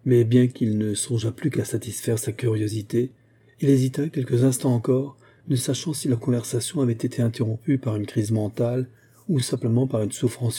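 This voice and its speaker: A male audiobook reader tells a classic novel in measured, even prose. His voice is very dark and mellow, with a husky grain. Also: mid-range voice. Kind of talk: scripted narration of a classic novel.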